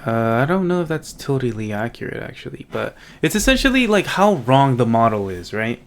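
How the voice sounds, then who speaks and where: Here the coding series host sounds gravelly and very animated, speaking briskly in a mid-range voice. It's a casual, unscripted walkthrough where he thinks aloud and often checks that the viewer is keeping up.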